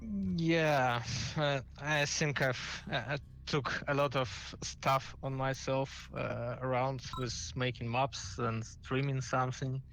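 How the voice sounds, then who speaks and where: A man chatting casually as a guest on a livestream, speaking in a halting, hesitant way. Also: medium pitch, fairly even intonation, gravelly, a bit bright, soft background music, low-quality recording. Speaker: guest, community tournament official and stream helper. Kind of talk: casual livestream interview chat.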